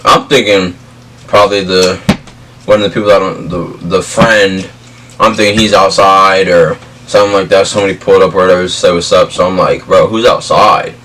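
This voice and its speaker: Young guy vlogging, low voice, lots of slang, kinda far from the mic with a little noise. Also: steady tone, a little fast, sharp tone. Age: young adult. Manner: slangy, emphatic, checks in with "you feel me" and "bro". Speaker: vlog co-host. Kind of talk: casual storytelling chat. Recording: distant mic, faint background noise.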